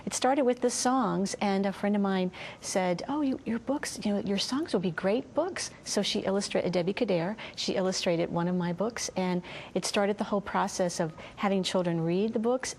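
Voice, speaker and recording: A woman's voice: fairly even intonation, normal speed, vocal fry, a little mellow. A woman from Louisiana with a Southern US accent, speaking conversationally as an interview guest. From Louisiana, USA. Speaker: guest, children's author and musician. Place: TV studio. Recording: low rumbling background noise.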